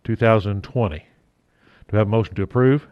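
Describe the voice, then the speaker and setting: A man chairing a city council meeting as mayor, his voice muffled through a face mask, talking haltingly with fillers and the odd joke. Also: on the low side. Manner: halting, with fillers and restarts, lightly joking.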